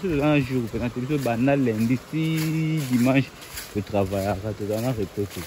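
A Congolese man from the site staff answers questions with lively pride. His voice sits at a middle pitch. Plain outdoor noise is heard all around him. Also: brisk. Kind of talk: casual interview answers. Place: outdoors at a park.

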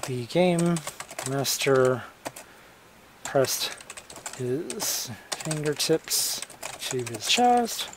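A writer slowly dictates a story draft word by word, stopping again and again to revise the wording. The voice sits at an ordinary middle pitch. Faint keyboard clicks and a light noise floor run underneath. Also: big pitch swings. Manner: halting, stops often to revise wording. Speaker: novelist writing a draft live. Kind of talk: dictating fiction while typing. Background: computer keyboard typing.

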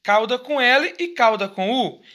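A man's voice: extremely high pitch, expressive, a little slow, sharp tone. A Brazilian man teaching a grammar lesson to young schoolchildren, patient and affectionate, explaining step by step. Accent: Brazilian Portuguese. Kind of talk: recorded grammar lesson for children.

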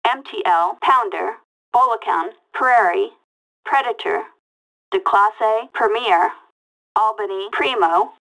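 Playing a video game police dispatcher, an actress reads vehicle makes and models as radio-filtered callouts. She has a medium pitch, a fairly bright tone with vocal fry, and a slow pace, and her clipped, word-by-word delivery stays flat and detached. The recording is rough.

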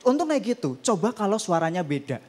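A man's voice: sits high, big pitch swings, a little fast, background noise. A male stand-up comedian performing on stage, mimicking typewriter clicks and camera shutters as he tells his bits. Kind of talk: stand-up routine. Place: comedy stage before a live audience.

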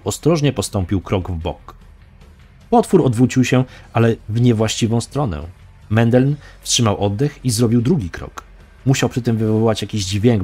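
A man reading a dark fantasy novel aloud as a hobby audiobook narrator, dramatic and voicing the characters. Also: mid-range voice.

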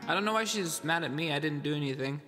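Talking fast in a fairly high voice, a man in his thirties streams music and chats casually with his viewers from a dim room at home. He's congested from a cold and rambles loosely, addressing chat directly, while reverb is layered over guitar music.

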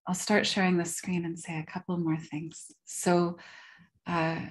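A woman gives a guest lecture over a video call, speaking slowly and deliberately. Her voice sits on the low side. She sounds careful and considerate of her audience. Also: level tone. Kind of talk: online academic lecture.

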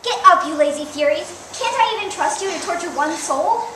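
A spiteful, scheming queen who gloats and cackles, played by a young woman in a school skit. The voice is high and leaps all over. It is caught from a distance in a roomy, noisy space. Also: animated, fairly quick, sharp tone, exaggerated voice. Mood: bossy. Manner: exaggerated, sarcastic, cackling. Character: scheming vengeful queen, a wife. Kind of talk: amateur school skit acting.

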